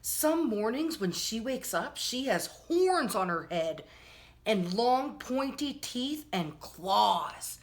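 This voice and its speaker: A woman with a fairly high, sing-song voice hosts a children's storytime, reading a picture book aloud with expression. She speaks slowly in storyteller phrasing, talking directly to the young listeners.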